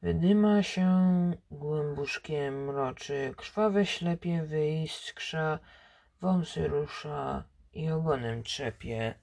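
A slow, deliberate reading of epic verse. The voice is dark and mellow, and the reader often restarts a word mid-line before carrying on. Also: mid-range voice, creaky. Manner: slow recitation with frequent restarts. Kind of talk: reading epic poetry aloud.

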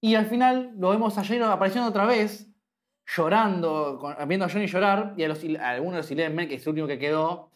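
A man, hosting a casual podcast chat and retelling scenes with lively quoted lines. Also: high-pitched, fast talker. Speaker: podcast host.

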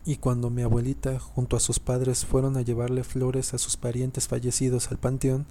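A man narrates a scary family story in a low, mellow voice. His delivery stays flat and even, and he often trips over lines and starts them again. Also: a little hiss or hum. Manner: reads haltingly, often restarting and repeating sentences. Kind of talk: scripted horror story narration.

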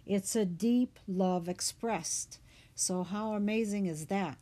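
Slow, mellow-voiced woman musing. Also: medium pitch. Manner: unhurried, thoughtful, with fillers and soft laughs. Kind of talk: reflective talk on word meanings.

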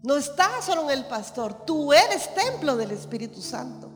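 Woman preacher, high voice, reverberant hall, soft music behind. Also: big pitch swings, moderate pace. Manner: emphatic, repetitive preaching with calls of amen. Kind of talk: sermon.

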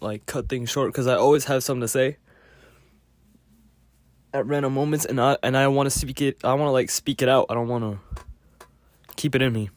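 A man giving a casual spoken lecture with a clogged nose, halting often with fillers and restarts. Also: mid-range voice, dry recording. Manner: halting, many fillers and self-corrections. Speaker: podcast host.

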